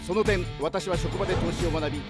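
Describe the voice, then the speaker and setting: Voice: medium pitch, steady tone, brisk, close to an everyday voice. A performer playing a condescending ant section chief who boasts in a sing-song way. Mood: smug. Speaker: skit character. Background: loud music.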